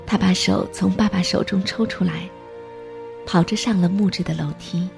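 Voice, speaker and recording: A woman narrating a storybook in a gentle, even-paced reading voice. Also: on the low side, moderate pace, vocal fry. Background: faint music.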